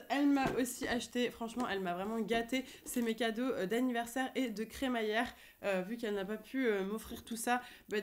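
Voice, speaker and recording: A woman's voice: on the high side, slight background noise. A young woman chatting enthusiastically in a casual vlog in her apartment, with frequent fillers. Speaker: YouTuber. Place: her new apartment, indoors.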